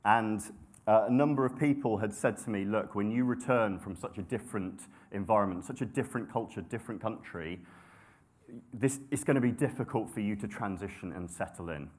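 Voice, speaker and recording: Raised between Nepal and the UK, this young man preaches in a fairly low voice at a brisk pace. His sermon feels conversational and self-deprecating, punctuated by many ums and restarts.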